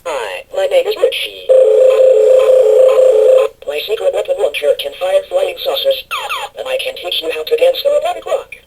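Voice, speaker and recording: Bitcrushed peppy toy robot voice from a speaker, wild pitch swoops, gravelly digital grit, heavy hiss. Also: sing-song, normal speed, pauses often. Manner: sing-song, wildly swooping pitch, robotic. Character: cheerful male toy robot, peppy and chirpy. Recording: noisy, distant toy speaker.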